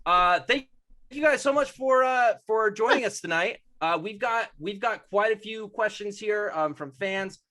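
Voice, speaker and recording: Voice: mid-range voice, measured pace, sharp tone. A panel host introducing a voice cast one by one and moderating fan questions. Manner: upbeat, introducing guests one by one.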